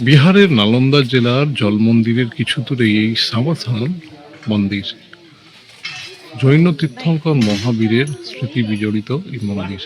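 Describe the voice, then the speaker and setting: A man narrating his travel vlog in a calm, informative voice-over. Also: medium pitch. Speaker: travel vlogger.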